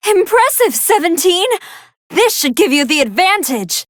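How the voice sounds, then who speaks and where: A woman voicing a gentle, earnest young female android scientist who gives polite, precise fight commentary in a video game. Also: very high voice, unhurried, dry recording, clean studio sound, full character voice. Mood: startled, excited. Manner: polite, precise, analytical, expressive. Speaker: match commentator.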